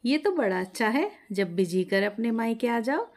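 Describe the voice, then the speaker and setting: A woman's voice: fairly high pitch, sing-song, normal speed. A woman voicing a polite, naive new young bride in a family story. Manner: polite, respectful.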